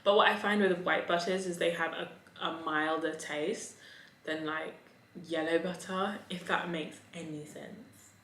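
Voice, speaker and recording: A woman's voice: fairly low pitch, fairly even intonation, unhurried, a bit bright, slight background noise. Campy woman vlogger in an echoey room. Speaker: restaurant review vlogger. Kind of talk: casual, chatty video review. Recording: echoey, roomy voice recording.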